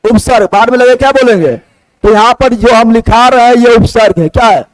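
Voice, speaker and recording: A man's voice: extremely high pitch, brisk, low-quality recording. A man teaching a class, asking the same question again and again and answering it himself. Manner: drilling students with repeated questions. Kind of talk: classroom lecture.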